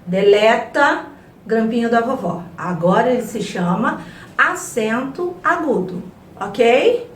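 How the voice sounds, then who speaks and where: Brazilian lady teacher talking real slow to little kids, a bit high, kinda far off the mic in an echoey room. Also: expressive, a little hiss or hum. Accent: Brazilian Portuguese. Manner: slow, stretched-out words for children, playful. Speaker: primary school teacher. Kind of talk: children's review lesson.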